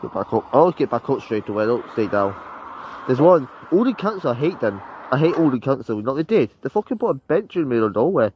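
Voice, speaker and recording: An eighteen-year-old vlogger rambles casually on a snowy road, swearing and laughing as he goes. His mid-range voice is sing-song, fast and a little mellow, with a faint hiss or hum in the audio.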